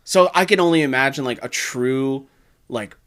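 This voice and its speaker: Young dude cohosting a game podcast, average pitch, rambly, swears a lot, gets loud. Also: male voice, moderate pace. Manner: rambling and animated, swears freely, bursts loud when worked up. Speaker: podcast co-host. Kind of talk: casual chat.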